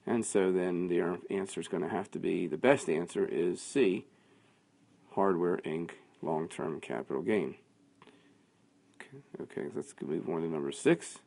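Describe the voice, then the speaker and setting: A man teaching a class, working through quiz answers out loud in a conversational way. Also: sits low, moderate pace, creaky. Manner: thinking aloud, conversational, with fillers.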